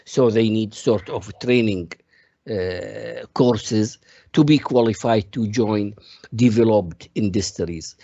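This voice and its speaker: Slow, deliberate male lecturer. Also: medium pitch, mellow, slightly rough, no echo, highs cut off. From Iraq. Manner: explains step by step through worked examples, calls on students. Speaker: economics lecturer. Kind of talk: classroom lecture.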